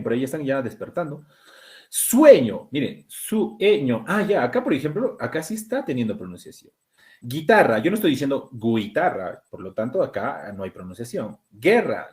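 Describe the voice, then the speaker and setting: A Peruvian man teaches an exam-prep class, walking students through questions. His voice leaps high on key words and swings widely in pitch. He slows right down to sound out each word. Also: a little mellow. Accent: Peruvian Spanish. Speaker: language teacher.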